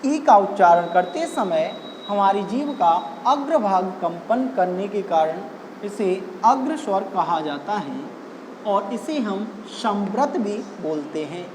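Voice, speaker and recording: Female tutor, unhurried exam-prep explainer, reverberant room with a long tail. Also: medium pitch, expressive, noisy background. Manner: slow, deliberate explaining with pauses. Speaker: Hindi grammar teacher.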